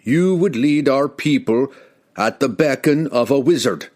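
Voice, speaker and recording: A man voicing a proud young male barbarian warrior, slow and booming as he proclaims. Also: expressive, a little mellow. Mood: defiant.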